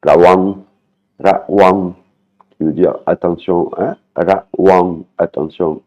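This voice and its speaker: Man, language teacher, very low voice, unhurried, repeats words to show the tones, dull lo-fi sound. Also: steady tone, a little mellow. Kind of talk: spoken language lesson.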